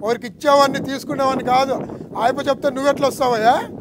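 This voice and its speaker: A man's voice: extremely high pitch, steady tone, fast talker, noisy background. A man acting, first pleading for a loan, later brushing off the lender rudely. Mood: defiant. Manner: pleading then defiant and rude. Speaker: borrower in comedy skit. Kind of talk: acted village comedy skit.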